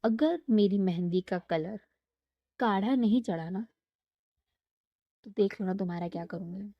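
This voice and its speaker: A woman's voice: medium pitch, a little slow, no echo. A woman voicing a playful, bossy young bride who makes mock threats at her girlfriend. She speaks in close to her own voice. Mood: mock-threatening. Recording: dull lo-fi dry sound.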